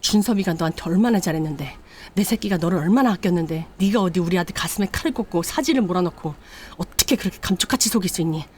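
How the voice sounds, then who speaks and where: A woman's voice: fairly low pitch, fast, slight background noise, lightly acted. A woman voicing a grieving older mother who accuses her daughter-in-law in anguish. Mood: accusing.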